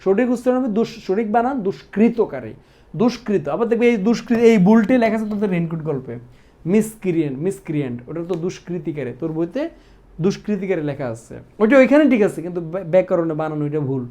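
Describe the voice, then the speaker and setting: Emphatic Bangladeshi tutor drilling spelling. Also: male voice, high voice, lively intonation, quick pace, warm tone. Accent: Bangladeshi Bengali. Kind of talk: online exam-prep lesson.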